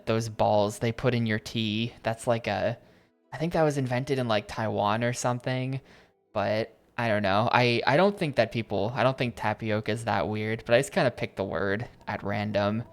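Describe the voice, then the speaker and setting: A creaky, lowish voice belongs to an American man streaming a video game. He rambles in casual gameplay commentary, stopping now and then to read game text aloud.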